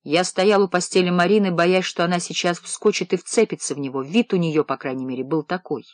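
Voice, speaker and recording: A man reading a first-person novel aloud in a low, measured narrating voice. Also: no room sound, clean studio sound. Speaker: audiobook narrator. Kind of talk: scripted narration.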